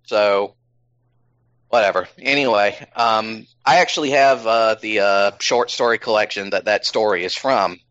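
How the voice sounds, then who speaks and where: A man's voice: lowish voice, measured pace, a bit bright. A man chatting casually as a podcast host, rambling with many ums and restarts. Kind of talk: casual chat. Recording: slightly dull lo-fi sound.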